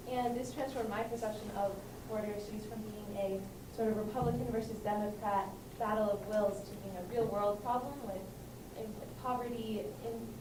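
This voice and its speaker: A seventeen-year-old girl from Michigan giving an earnest student presentation at a conference. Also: medium pitch. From Michigan, USA. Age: teens. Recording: roomy hall, distant mic, hiss.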